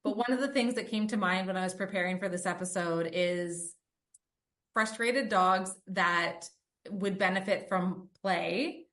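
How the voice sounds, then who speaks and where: An unhurried woman with a medium-pitched, fairly bright voice hosts a podcast and works as a dog trainer. She speaks casually, listing her points with frequent "um" and "like" fillers.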